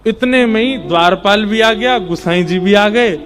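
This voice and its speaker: A man narrating a devotional story in an expressive, reverent way. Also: high voice, a little slow, faint music behind.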